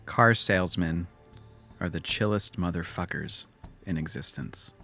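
A man co-hosting a comedy podcast, chatting casually and reading out his jokes in a deadpan way. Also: deep voice, measured pace, creaky, faint music behind. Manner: joking, reads tweets in a deadpan whisper. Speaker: podcast co-host.

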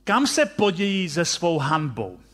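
A man's voice: fairly high pitch, huge pitch swings, a bit bright, heavily acted. A man voicing a distressed young woman who pleads, in a raised voice, during a sermon retelling. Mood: pleading.

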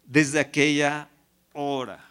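A male preacher with a high, ringing voice that stays smooth and clear. He retells a Bible passage and voices its characters in dramatized quotes, moving from soft reading into fervent preaching. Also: flat delivery, takes it slowly. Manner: reads scripture softly, then preaches with rising intensity. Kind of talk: sermon.

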